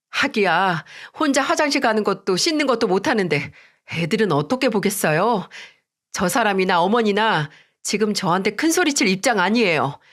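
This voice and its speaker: A woman's voice: medium pitch, close to an everyday voice. A woman voicing a resentful daughter-in-law who answers her mother-in-law curtly and defensively in a radio story drama. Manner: curt, dismissive and defensive. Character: defiant, resentful young wife and daughter-in-law.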